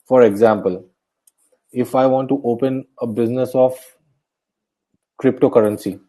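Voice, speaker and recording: Man, webinar lecture, soft voice, warm tone, patient explanations. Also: mid-range voice, fairly even intonation, moderate pace, poor audio. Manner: soft-spoken, explanatory, self-correcting. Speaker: guest speaker.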